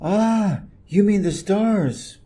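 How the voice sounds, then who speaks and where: A man's voice: sits high, very slow, mellow, pitched above the performer's own voice, full character voice. A man voicing a curious, persistent young boy prince in a storybook, innocent and full of questions. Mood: curious, insistent. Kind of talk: storybook character reading.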